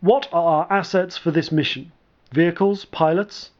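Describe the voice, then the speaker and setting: A man's voice: on the high side, moderate pace, lightly acted. A man voicing an older, gung-ho male army commander who talks bluntly and confidently, in a dull lo-fi recording. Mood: questioning.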